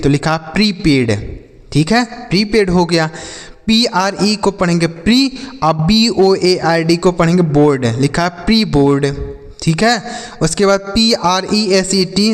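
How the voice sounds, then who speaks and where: A man's voice: high-pitched, in a large hall. A man teaching English phonics in a classroom style, spelling words out letter by letter and asking repeated call-and-response questions.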